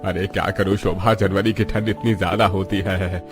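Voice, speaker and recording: A man voicing an easygoing middle-aged father in a cartoon story, who talks in a relaxed way with chuckles. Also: low voice, normal speed, over music.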